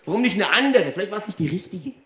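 A man delivers a lively sermon in a voice pitched a little high, turning to his listeners again and again with rhetorical questions. The sound rings around a reverberant room. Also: rapid-fire. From Germany. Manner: animated, addresses the audience directly with rhetorical questions. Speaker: preacher.

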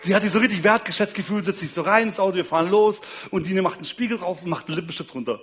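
A man's voice: sits high, racing, a bit bright. A man giving a humorous talk on marriage to an audience, telling stories about his wife and kids and checking in with listeners as he goes. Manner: keeps checking in with listeners, chuckles often. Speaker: speaker on marriage and relationships.

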